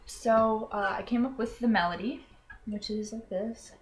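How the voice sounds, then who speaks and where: This Florida college student, a young adult woman, speaks a little slowly in a fairly high, steady voice. Earnest and self-conscious, she explains something in a personal explanatory video, hesitating often with ums and restarts.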